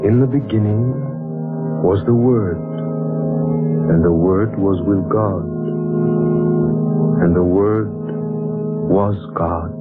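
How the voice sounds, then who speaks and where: Slow, solemn divine being. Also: male voice, fairly low pitch. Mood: solemn, holy. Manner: solemn, reverent, measured oratory. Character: gentle, holy male divine being reciting scripture. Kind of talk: 1940s radio drama acting. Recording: muffled old radio broadcast with loud music.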